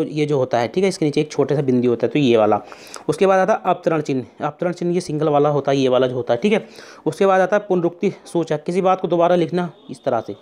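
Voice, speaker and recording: Fairly high-voiced male Hindi exam tutor. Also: darkish tone. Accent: North Indian Hindi. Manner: explains step by step, keeps saying "theek hai"; slows down to repeat key words and verses. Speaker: exam prep teacher. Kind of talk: online revision lesson.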